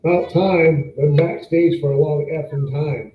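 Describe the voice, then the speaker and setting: A man's voice: fairly high pitch, fairly even intonation, unhurried, background noise. A man joining a casual chat by video call from a condo, his voice hollow and tubey as if he were talking through a tube. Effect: hollow, tubey sound, as if talking through a tube. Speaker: remote guest. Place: condo room. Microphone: laptop camera mic on a video call. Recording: echoey, dull video call audio.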